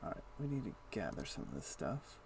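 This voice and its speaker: A man streams a video game, muttering to himself and dropping dry, wry asides as he plays, in casual live-stream commentary. His voice sits low with vocal fry, and his pace is brisk. A steady background noise runs under the recording.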